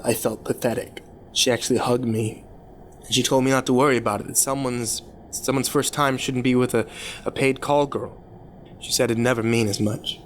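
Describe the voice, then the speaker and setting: A man acts out a rich, troubled young man baring his guilt in a horror story monologue. His medium-pitched voice stumbles and repeats itself as he confesses. There is clear noise behind him. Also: steady tone, lightly acted. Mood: subdued, confiding. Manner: halting, confessional, stammering over repeated words. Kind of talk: dramatic first-person horror story monologue.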